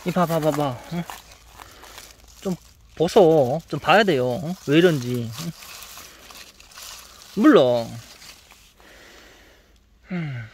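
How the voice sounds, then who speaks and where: Gyeongsang guy walking a farm, kinda high voice, keeps asking questions and poking fun. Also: slow pace, long pauses, darkish tone, slight background noise. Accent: Gyeongsang Korean. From Gyeongsang region, Korea. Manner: questioning, teasing, coaching tone. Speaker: crop consultant. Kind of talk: field consulting talk. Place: outdoors in a farm greenhouse.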